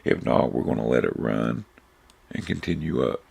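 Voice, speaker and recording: A man giving a casual, rambling lesson on reading stock charts, hoarse because he is losing his voice, with loose phrasing and frequent self-corrections. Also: rumbling low, normal speed, a little mellow. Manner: informal, rambling, many fillers and self-corrections. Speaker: trading instructor.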